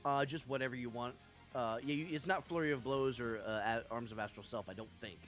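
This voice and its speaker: A man's voice: medium pitch, fairly quick, fairly bright tone. A man acting as game master, narrating action dramatically and giving casual rulings in a tabletop game. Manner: dramatic, vivid storytelling with casual swearing. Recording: music in the background.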